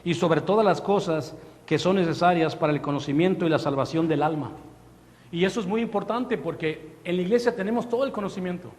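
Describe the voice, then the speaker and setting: Male preacher, high-pitched, animated storytelling sermon, echoing church hall. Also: a little fast. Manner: lively storytelling, acting out quotes, rhetorical questions. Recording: long hall reverb in a church.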